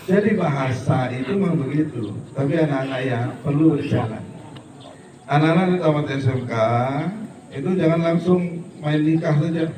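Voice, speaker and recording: A man's voice: a little high, normal speed, background noise. A middle-aged man giving a humorous religious lecture at a school event, joking, mimicking regional dialects and urging students to keep growing. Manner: jokey, mimics regional dialects in quoted bits; preachy, motivational to students. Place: school hall. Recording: echoey hall, voice from far off.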